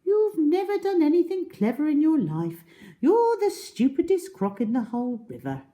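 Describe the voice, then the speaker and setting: Lady doing a small snippy croc for story time, high n indignant, emphatic, disapproving. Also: big pitch swings, moderate pace, dark tone, lo-fi sound. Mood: scornful. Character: smaller, disapproving, blunt crocodile who mocks. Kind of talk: storybook character reading.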